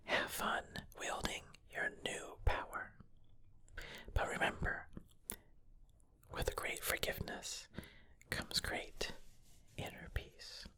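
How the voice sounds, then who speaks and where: A whispered ASMR pep talk of affirmations, delivered with playful, tongue-in-cheek encouragement in a breathy voice. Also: slow pace, pauses often, pushed and bright. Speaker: ASMR host.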